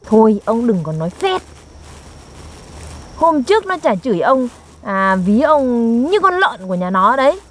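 A woman's voice: a little high, big pitch swings, unhurried, pauses often. A young woman, performing in a scripted comedy skit and teasing and scolding her partner in an exaggerated way. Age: young adult. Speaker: comic actor.

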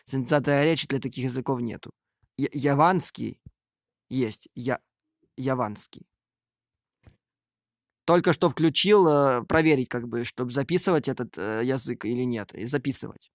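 A man with a gravelly creak gives casual screen-recording commentary. He thinks aloud hesitantly, in a dry, close sound. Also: medium pitch, normal speed, pauses often, no room sound. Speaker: video creator.

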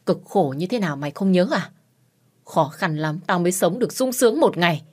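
A woman voicing an angry middle-aged mother who shouts, scolds and wails bitterly. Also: fairly low pitch, expressive, fairly quick. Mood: bitter scolding.

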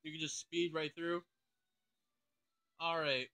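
A man's voice: a little high, fairly even intonation, takes it slowly, pushed and bright, clear, resonant tone. A man hosting a gaming channel, thinking aloud and swearing casually through let's play commentary.

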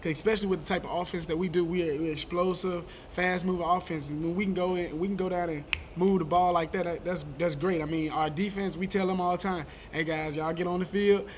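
Young man, high voice, fast talker, post-game press answers, repeats words, faint hiss. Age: 20s. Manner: quick, animated, repeats words as he talks. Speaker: college football player. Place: press conference room, indoors. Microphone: table microphone.

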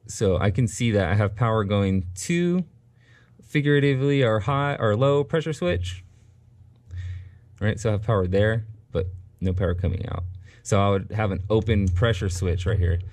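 A man with a lowish, slightly mellow voice teaches HVAC troubleshooting at a workshop bench equipped with a test board. In this hands-on demo he talks casually through each step, thinking out loud as he tests a circuit.

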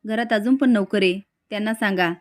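A bold, loyal young woman in a family drama retelling, firm and defiant, speaking in a middle-pitched voice, as a woman narrator reads her part. Little changes from the reader's own voice. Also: brisk, lightly acted.

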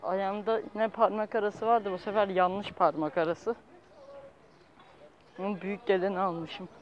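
A young adult man vlogging casually as he walks, talking in halting, rambling fragments and often correcting himself. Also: high-pitched, fairly even intonation. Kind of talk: casual walking vlog. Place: outdoors, walking on city streets. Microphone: handheld phone at arm's length. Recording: dull handheld phone, outdoor street noise.

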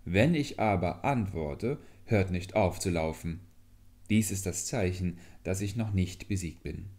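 Man doing a sly little leech, calm and preachy, low slow voice, storybook. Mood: defiant. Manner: calm, lecturing, mildly scornful. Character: small, clever, calmly defiant male leech.

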